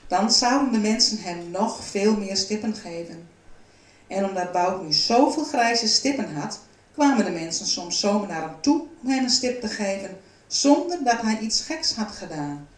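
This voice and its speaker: A woman reads a children's storybook aloud in a calm, even way. Her voice has a middling pitch. It is recorded in a roomy space, a little off the mic. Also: normal speed. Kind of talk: storybook reading. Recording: roomy, from a distance.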